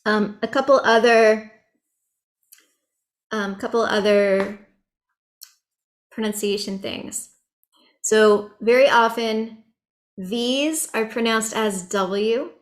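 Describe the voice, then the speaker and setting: Slow, relaxed woman teaching online. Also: on the high side. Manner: relaxed and chatty, laughs lightly, many fillers. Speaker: chanting workshop teacher. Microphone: video call.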